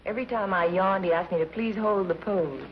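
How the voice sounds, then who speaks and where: An actress playing a proud, sharp-tongued young woman with a crisp, cutting way of speaking. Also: medium pitch, fairly quick, natural voice. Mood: chatty. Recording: dull 1950s TV soundtrack with hiss.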